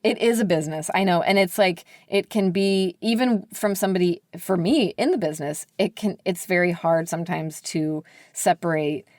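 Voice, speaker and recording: In a studio-quality recording free of echo, a woman with a fairly low, darkish voice talks at normal speed with few pauses. She's an American book editor being interviewed on a podcast, candid and emphatic, saying "like" a lot.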